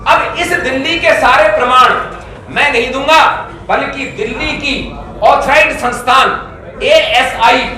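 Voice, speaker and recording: High-voiced man lecturing in an echoey hall. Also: takes it slowly, bright, forceful tone. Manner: emphatic, lecturing, lists names and dates. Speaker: press conference speaker on history. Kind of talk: formal public address. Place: press conference room. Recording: echoey room, speaker far from mic.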